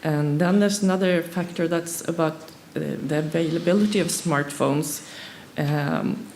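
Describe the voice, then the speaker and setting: A woman with a low, darkish voice gives a conference presentation in English, her second language; she's Swedish. She speaks haltingly, hesitating and restarting often with many fillers, and there's a little hiss or hum.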